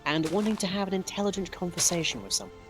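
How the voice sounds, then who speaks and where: A man's voice: sits high, sing-song, fast, music in the background. Teasing streamer man who laughs a lot. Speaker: streamer and server admin. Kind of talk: casual game chat.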